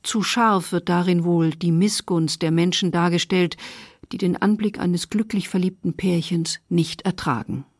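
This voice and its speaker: A woman narrating a radio feature in a measured, factual way. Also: lowish voice, fairly even intonation, husky, no room sound, clean studio sound. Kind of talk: scripted narration.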